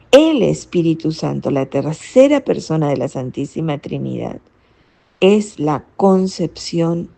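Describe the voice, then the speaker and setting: A woman speaks in a low, dark and gravelly voice, giving a spiritual teaching. She talks slowly and reflectively, often tacking on rhetorical questions as she explains. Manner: reflective, frequent rhetorical "¿no?" tags. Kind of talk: spoken catechesis talk.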